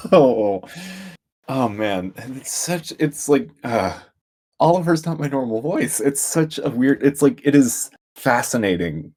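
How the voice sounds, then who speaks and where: A man with a husky voice chatting casually as a voice-actor guest, rambling through fillers and laughing often. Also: mid-range voice, lively intonation, takes it slowly, darkish tone. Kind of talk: casual podcast chat.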